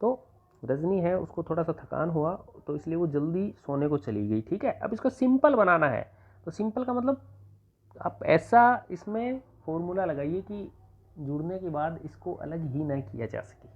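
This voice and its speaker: A male teacher from Rajasthan giving an exam-prep grammar lesson, patiently repeating points and dictating examples slowly. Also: on the high side, animated. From Rajasthan, India. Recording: tinny phone-like sound.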